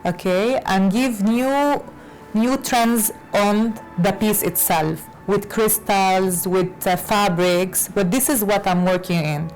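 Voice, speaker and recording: Lebanese-born woman designer, hesitant, lots of uhs, soft music under. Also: mid-range voice, slow pace, low-quality recording. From Lebanese, raised in Latin America. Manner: hesitant, many fillers and restarts. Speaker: fashion designer guest. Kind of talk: conversational interview.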